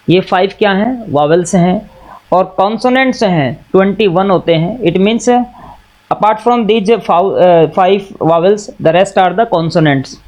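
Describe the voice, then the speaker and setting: A man's voice: high voice, darkish tone, muffled recording. Indian male teacher, patient recap style. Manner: asks questions and answers them himself; mixes Hindi and English. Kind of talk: classroom lesson.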